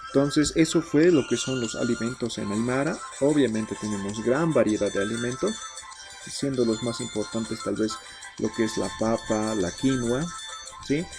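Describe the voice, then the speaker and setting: A man's voice: normal speed, creaky, music in the background, rough recording. A man from Bolivia teaching an Aymara vocabulary lesson, patiently saying each word, often checking in with "¿no?" and "¿ya?". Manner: says Aymara words louder and higher, then the Spanish meaning.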